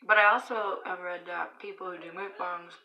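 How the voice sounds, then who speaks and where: A woman's voice: lowish voice, steady tone, normal speed, dull audio. A middle-aged woman casually telling stories while eating in her bedroom, chatty, with frequent chuckles and fillers. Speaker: mukbang vlogger.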